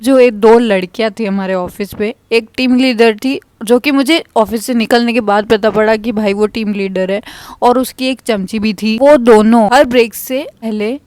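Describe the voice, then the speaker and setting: A woman's voice: on the high side, darkish tone, no echo. A young woman telling an unscripted, frustrated storytime about her old office job and venting as she goes. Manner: frustrated, venting, quick to quote others. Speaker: vlogger.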